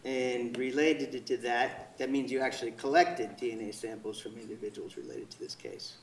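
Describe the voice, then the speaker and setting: A male attorney questions a witness in a formal, methodical way, step by step. His mid-pitched voice sounds far from the microphone in a very echoey courtroom. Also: lively intonation, normal speed, creaky, a little hiss or hum. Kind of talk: courtroom direct examination. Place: indoor courtroom.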